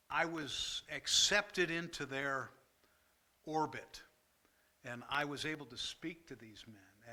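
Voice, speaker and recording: In a church meeting room, an older man who is a pastor and former fire chaplain tells an earnest story at a workshop. He pauses often and at times grows emotional, his medium-pitched voice bright and forceful.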